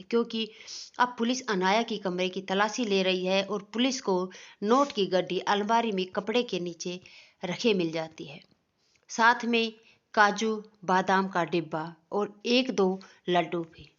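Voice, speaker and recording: A woman narrating a family moral story in a steady, plain storytelling voice. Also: medium pitch. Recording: dull lo-fi recording.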